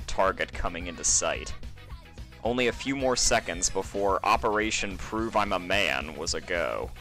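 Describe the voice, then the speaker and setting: An amateur fan fiction reader with a low, pushed, bright voice opens by chatting to his listeners, then narrates the story expressively.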